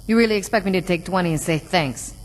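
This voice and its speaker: A tough, deadpan woman leading a street gang, voiced by an actress in a video game. Her voice sits lowish and her delivery is dry and sardonic. Faint ambient noise runs behind her. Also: quick pace, lightly acted. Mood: challenging. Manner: deadpan, dry, foul-mouthed. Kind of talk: dramatic video game cutscene acting.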